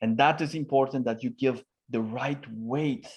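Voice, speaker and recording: A man's voice: mid-range voice, a little slow. A man answering interview questions as a communication expert, talking emphatically with lots of tonal variation and frequent fillers. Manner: emphatic, varies his tone a lot, frequent fillers.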